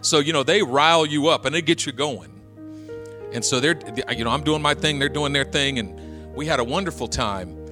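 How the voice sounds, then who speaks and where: A man's voice: on the high side, normal speed, music in the background. A male pastor preaching a sermon, telling a humorous personal story in a conversational way and then building to urgent exhortation.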